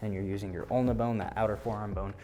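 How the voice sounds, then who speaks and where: A man's voice: on the low side, steady tone, fast, mellow. A man teaching a martial arts class as instructor, giving short, clipped counts and commands and explanations of drills. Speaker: taekwondo instructor.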